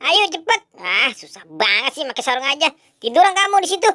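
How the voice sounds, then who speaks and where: A performer voicing a cheeky, hot-tempered boy hero in a clown skit, scolding in a squeaky voice. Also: sing-song, brisk, pushed and bright, dry recording, clean studio sound, exaggerated voice. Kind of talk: costumed clown skit voice-over.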